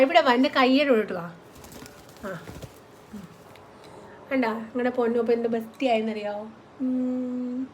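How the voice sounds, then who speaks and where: A woman's voice: fairly high pitch, a little hiss or hum. A woman from Kerala vlogging at home, talking to her pet parrot in coaxing, cooing baby talk. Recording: echoey room.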